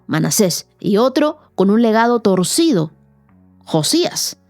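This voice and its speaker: Woman, devotional podcast host, earnest, emphatic, warm tone, soft music behind. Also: mid-range voice, no echo. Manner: earnest, emphatic, slows for key phrases. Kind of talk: devotional teaching and prayer.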